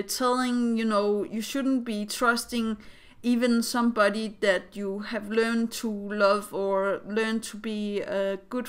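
A woman's voice: a little high, a bit bright, clean tone. A young woman giving casual fan theory commentary as a vlogger, rambling with hesitant phrasing.

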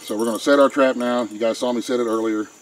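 This middle-aged homesteader talks fast in a steady, mid-range voice, explaining step by step, in plain folksy terms, how to set a trap. He's outdoors by a pen and a wooded creek, recorded on a close handheld camera mic. The audio is low quality with a little hiss or hum, and faint insects and crickets can be heard.

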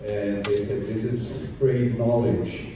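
A man moderating a conference and introducing the next speaker, halting often on uh. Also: fairly low pitch, little pitch movement, background noise. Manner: halting, with many uh fillers. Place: large conference hall. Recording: echoey hall from far off.

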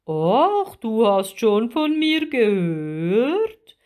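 Woman doing a deep, slow giant octopus. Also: big pitch swings, warm tone, full character voice. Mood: friendly. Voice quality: deep, drawn-out and booming. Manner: slow and kindly, easily offended. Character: huge friendly male red octopus.

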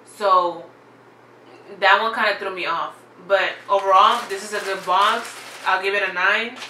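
A woman's voice: medium pitch, fairly even intonation, a little slow, sharp tone, slight background noise. A woman chatting casually in a snack unboxing vlog, full of "like" and "y'all" fillers. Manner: chatty, filler-heavy, says "like" and "y'all" often. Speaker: vlogger reviewing snacks. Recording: echoey room, off-mic.

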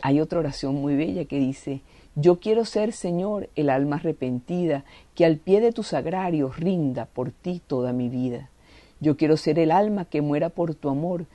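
A woman's voice: sits low, moderate pace, warm tone, dry recording. A woman giving a devotional reading and reflection, fervent and reverent, leaning on prayerful words.

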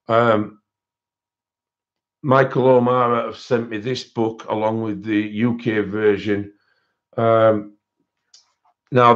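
A man's voice: mid-range voice, muffled recording. A man hosting a live-stream coloring-supply haul, rambling and chatting with viewers in their comments. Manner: chatty and rambling, with frequent fillers and self-corrections. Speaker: coloring book channel host.

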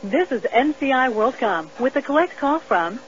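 A woman's voice: sits high, expressive, moderate pace. A woman's recorded collect-call operator announcement, played over a payphone call in clipped, evenly spaced prompts. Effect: recorded operator message played over a payphone call. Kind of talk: scripted automated announcement. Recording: dull lo-fi phone line with faint hiss.

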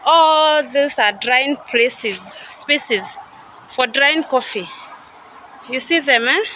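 Touring a coffee farm and factory outdoors, this young woman vlogger talks very slowly in a high, bright, forceful voice with lively intonation. She thinks aloud as she walks, often unsure, in a casual guided walk-through filmed on her own phone camera. The recording is rough, with a little hiss or hum.

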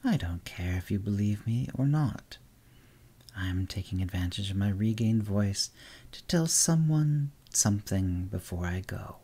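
Ancient will-o'-the-wisp spirit, hissing whisper, weary scorn, deep low tone, put on by a man. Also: animated, unhurried, warm tone, breathy edge, heavily acted.

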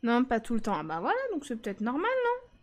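A woman's voice: on the high side, wildly swooping pitch, fast talker. A woman streaming a life-sim game, chatting casually and teasing her viewers. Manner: chatty, teasing, talks back to chat.

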